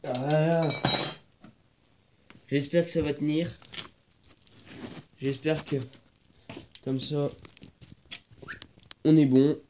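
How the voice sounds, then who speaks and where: A teenage boy's voice sits on the high side, steady and very slow, with long pauses as he fumbles for words through a head cold. He's shooting a casual moped workshop vlog on his phone, first in hand, then propped. The audio is dull, lo-fi, and full of noise.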